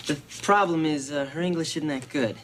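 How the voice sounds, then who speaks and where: A young actor playing an eager, good-natured teenage son in a sitcom. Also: male voice, on the high side, moderate pace, close to an everyday voice. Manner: eager, pleading. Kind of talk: sitcom acting. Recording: noisy TV sound with studio laughter.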